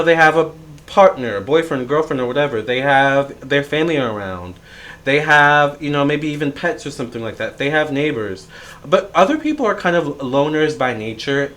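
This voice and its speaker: A man's voice: mid-range voice, fairly bright tone. A man of thirty, a tarot reader, talking through a casual, reflective vlog monologue and rambling with plenty of fillers and restarts.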